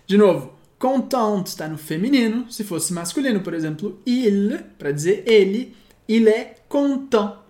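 A woman teaching a language lesson, explaining patiently and slowing down to read each example sentence. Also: medium pitch, expressive, warm tone. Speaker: French teacher. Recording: echoey room.

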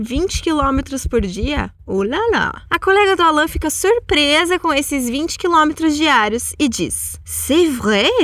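High-voiced woman teaching French slowly. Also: a bit bright, dry recording. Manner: slow, careful model sentences for repeating. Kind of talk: language lesson with repetition drills.

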